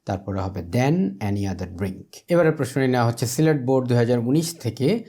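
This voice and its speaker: Male teacher, mellow husky voice. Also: medium pitch, expressive. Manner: explains step by step, reads English example sentences slowly and deliberately. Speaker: English teacher. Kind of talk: exam grammar lesson.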